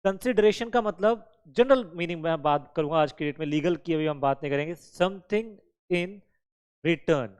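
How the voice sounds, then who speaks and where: A male law teacher lectures his class in a clear, resonant, somewhat high voice at normal speed. He poses questions to the students, answers them himself, and moves between Hindi and English terms. He fondly calls his students kids.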